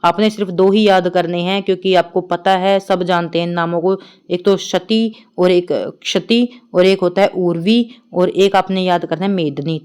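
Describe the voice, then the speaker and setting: A young adult woman teaching an online exam-prep grammar class, chatty, listing words in quick runs and checking in with her students often. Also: fairly low pitch, a little mellow, clean tone. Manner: chatty, repeats "ठीक है" often. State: tired.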